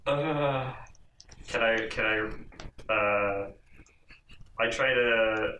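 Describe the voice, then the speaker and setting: A man's voice: medium pitch, drawn-out words, pushed and bright, roomy sound, far from the mic, a little hiss or hum, rough recording. A man playing a tabletop role-playing game, talking casually with lots of hesitant stammers and restarts. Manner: hesitant, stammering, self-amused. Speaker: player.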